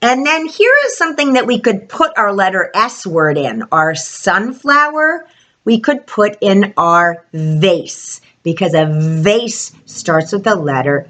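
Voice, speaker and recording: Slow singsong woman teaching young children. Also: medium pitch, fairly bright tone. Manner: broad singsong children's-presenter delivery with prompting questions; addresses young children, stretching key words. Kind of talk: children's alphabet lesson.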